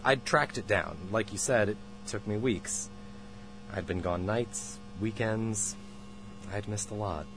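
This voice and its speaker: A man's voice: on the low side, slow pace. An actor playing a middle-aged, weary, sarcastic father with a theatrical, grandiose manner in an audio drama. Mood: subdued, wistful. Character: weary sarcastic father who boasts of slaying a dragon. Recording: noisy, humming amateur recording.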